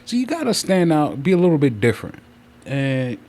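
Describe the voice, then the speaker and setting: A streamer with a fairly high-pitched voice talks fairly quickly in a casual livestream from a room at home. He rambles, often doubling back to repeat himself, and a fan runs with a clear, steady noise.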